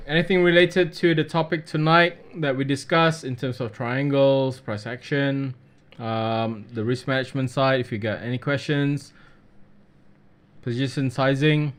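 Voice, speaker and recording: A man runs a live online trading class and works through the audience's questions. His voice is smooth and clear, sitting at an ordinary middle pitch, and his delivery is relaxed and conversational, with easy fillers between points. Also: normal speed. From Australia. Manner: casual, reads out viewer questions and answers them. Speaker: trading webinar presenter. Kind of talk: live webinar Q&A.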